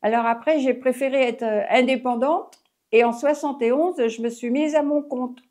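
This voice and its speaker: In a high-pitched, slightly mellow voice, a retired French taxi driver in her eighties recounts her past at a normal speed and steady tone. The oral history interview is rambling and chatty, and she often starts over.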